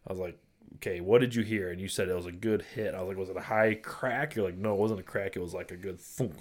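A man's voice: low voice, quick pace. A man from Michigan co-hosting the show, reacting eagerly and replaying his side of the conversation. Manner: reactive, enthusiastic, quotes himself. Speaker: co-host. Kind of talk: casual conversational chat.

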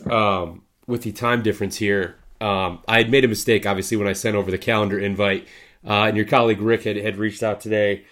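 Male podcast host, casual and rambling, lowish voice. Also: fairly quick. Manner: relaxed, rambling, lots of fillers.

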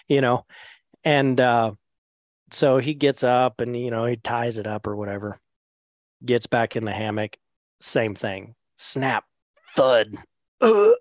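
A man tells a story in a casual, loose way, full of fillers, and he laughs at his own anecdote. His voice sits at a middling pitch and is recorded dry and close, with no room sound. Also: steady tone, takes it slowly, pauses often, dry recording.

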